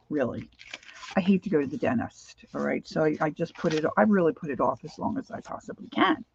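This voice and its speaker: A woman's voice: on the low side, creaky, darkish tone, a little hiss or hum. Chatty American woman, lisping from missing teeth. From Pennsylvania, United States. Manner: rambling, chatty, addresses viewers by name. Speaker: craft livestream host. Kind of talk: casual livestream chat. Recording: dull, lo-fi sound.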